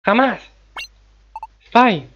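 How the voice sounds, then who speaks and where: A man voicing a timid but brave young female creature hero in a video game, in a fretful, high voice. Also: steady tone, normal speed, vocal fry, highs cut off, over music. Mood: defiant. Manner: squeaky and fretful.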